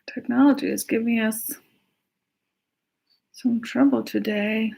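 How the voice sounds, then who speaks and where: This American woman is a pastor hosting a relaxed livestream storytime, chatting with kids and asking them simple questions. Her voice is fairly high and warm, with vocal fry and a breathy edge.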